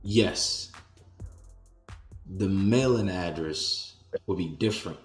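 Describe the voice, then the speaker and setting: A man with a deep voice hosts a conference call, answering a caller's questions in a measured, explanatory way with some restarts. The room echoes, and soft music plays in the background.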